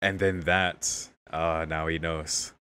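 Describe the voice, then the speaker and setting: A man's voice: rumbling low, flat delivery, slow pace, pushed and bright, clean tone. A young man hosting a casual anime reaction, exclaiming candidly, often laughing and swearing. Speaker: anime reaction channel host.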